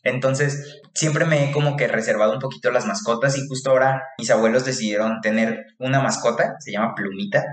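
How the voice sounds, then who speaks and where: An earnest young man with a Mexican Spanish accent co-hosts a casual podcast, talking in an animated, slangy way. His voice sits at an ordinary middle pitch and rings around a roomy, echoey space. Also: fairly quick. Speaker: podcast co-host. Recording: echoey room.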